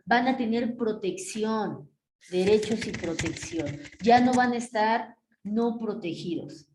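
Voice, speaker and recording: A woman history teacher giving an animated classroom lecture, telling the story like a tale and acting out its figures. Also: mid-range voice. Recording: echoey room with faint noise.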